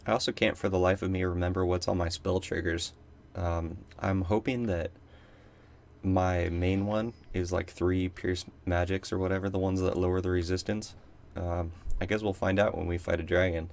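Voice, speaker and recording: A man's voice: deep voice, fairly even intonation, moderate pace, creaky, a little mellow. A young man giving casual gameplay commentary, rambling and unsure, with many ums. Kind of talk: casual let's play commentary.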